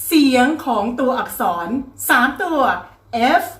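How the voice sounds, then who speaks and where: Patient woman teacher who repeats words slowly, higher-pitched, recorded in a roomy space. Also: expressive, a bit bright. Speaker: English phonics teacher. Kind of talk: teaching a video lesson.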